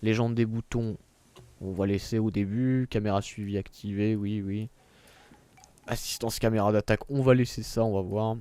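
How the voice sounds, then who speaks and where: A man's voice: fairly low pitch, steady tone, moderate pace, warm tone, clear, resonant tone. Chatty gamer guy, darkish voice. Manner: chatty and rambling, self-mocking asides; reads game menus and text aloud. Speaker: streamer playing a video game. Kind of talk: casual gameplay commentary.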